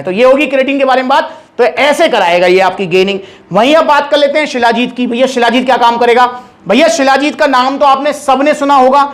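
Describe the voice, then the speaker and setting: A man with a Haryanvi Hindi accent, talking casually as a supplement shop host and calling his viewers brother. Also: very high voice. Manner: chatty, addresses viewers as brother. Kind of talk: casual explainer.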